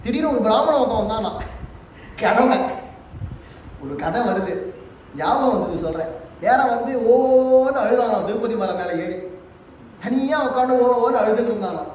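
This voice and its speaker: A man giving a devotional religious discourse, telling stories and chanting verses in a drawn-out sing-song. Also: extremely high pitch, expressive, darkish tone. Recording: echoey hall, distant mic, faint noise.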